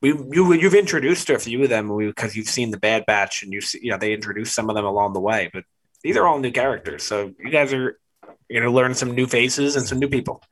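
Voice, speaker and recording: Excitable young man with stammering restarts. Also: mid-range voice, brisk. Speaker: podcast co-host. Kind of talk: casual podcast chat.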